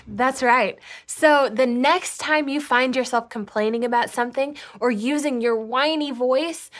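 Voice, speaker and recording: A woman's voice: high voice, a bit bright. A woman presenting a scripted children's church lesson, upbeat and encouraging, talking straight to the kids.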